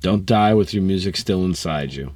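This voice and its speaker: A man's voice: deep voice, normal speed, background noise. A man co-hosting a podcast in a teasing, playful, casual way. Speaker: podcast co-host. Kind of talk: casual chat.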